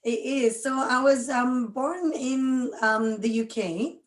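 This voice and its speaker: A woman's voice: high-pitched, slow pace, reverberant. A woman around forty from Scotland, a guest chatting with lots of energy and frequent laughs. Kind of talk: casual interview chat.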